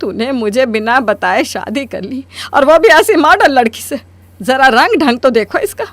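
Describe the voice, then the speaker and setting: In a Hindi cartoon story, a woman voices a stubborn, scheming middle-aged mother-in-law, scolding theatrically in an angry, obstinate mood. Her voice sits high and is expressive, at normal speed with no echo.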